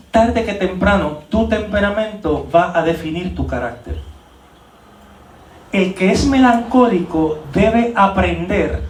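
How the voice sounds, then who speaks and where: A man preaching at a leadership training in a church hall, animated, with many rhetorical questions and repeated words. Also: fairly high pitch, distant mic, slight background noise. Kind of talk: church teaching talk.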